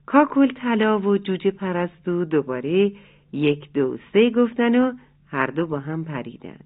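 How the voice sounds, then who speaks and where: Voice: medium pitch, big pitch swings, narrow, tinny audio. Tender bedtime storyteller, phone-thin sound. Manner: soft, tender, addresses listeners as dear ones. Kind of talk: bedtime story narration for children.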